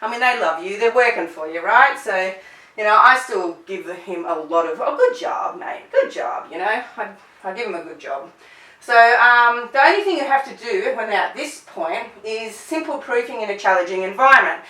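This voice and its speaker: A middle-aged woman teaching dog training in a conversational way, checking in with "right?" and acting out commands in sharp bursts. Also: medium pitch, lively intonation, normal speed. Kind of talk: instructional talk to clients. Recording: roomy echo, voice from a distance.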